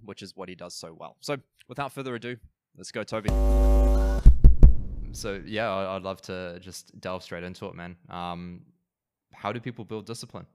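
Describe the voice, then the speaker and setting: A man's voice: fairly low pitch, a bit bright. A man with a New Zealand accent hosting a podcast in an informal, conversational way. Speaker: podcast host. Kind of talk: casual podcast introduction and interviewing.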